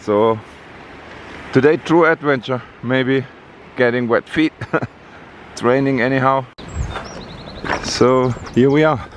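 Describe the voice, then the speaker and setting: Slow, halting man vlogging outdoors. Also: mid-range voice, noisy background. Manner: unhurried, halting, with many fillers. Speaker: travel vlogger. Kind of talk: casual vlog narration. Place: outdoors on a rainy coast.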